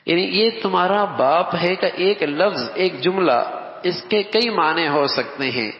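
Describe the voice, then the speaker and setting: Gravelly male preacher, emphatic, repeats his points, slow Arabic recitations, echoey hall. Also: high voice, expressive. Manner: emphatic, repeats key phrases; recites Arabic quotations slowly. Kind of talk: sermon. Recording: echoey hall, dull lo-fi sound.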